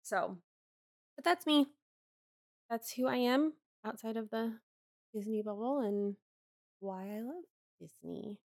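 A woman's voice: fairly high pitch, takes it slowly, creaky, long pauses, no echo, clean studio sound. A young woman from Pennsylvania, a podcast co-host, chatting reflectively and rambling a little with fillers. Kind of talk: casual personal chat.

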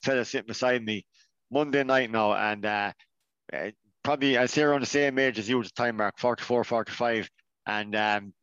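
A man's voice: mid-range voice, fairly quick, fairly bright tone, clear, resonant tone, no room sound. An Irish man talking earnestly as a podcast guest, often restarting his sentences. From Ireland. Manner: earnest, many restarts and fillers. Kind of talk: casual conversation. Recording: dull, dry sound.

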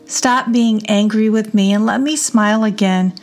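A woman reading psalms aloud in a measured devotional reading. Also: mid-range voice, steady tone, soft background music. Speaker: scripture reader.

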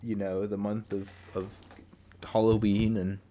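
Young male co-host, lowish voice, rambling casual delivery, remote mic. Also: little pitch movement, unhurried, warm tone. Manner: rambling, restarts, bursts into silly voices. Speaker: podcast co-host. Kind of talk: casual chat. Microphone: remote call mic.

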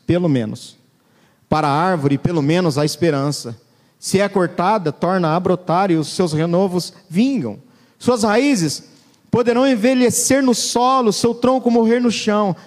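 A man preaching a sermon in a church, turning from loud emphasis to hushed, low words as he reads scripture. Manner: dramatic, swings between loud and hushed low voice. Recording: long church reverb.

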